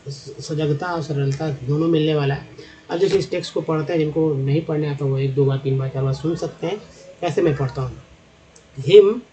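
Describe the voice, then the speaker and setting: A man's voice: on the high side, mellow, poor audio. A man teaching English phonics over slides, spelling out letter groups and then sounding out example words patiently.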